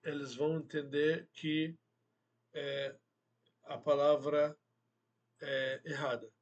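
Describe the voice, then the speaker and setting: A man gives a language lesson in an unhurried, deliberate way. His voice sits a little high for a man, and he repeats words again and again to drive a point home. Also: little pitch movement, highs cut off. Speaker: Arabic teacher.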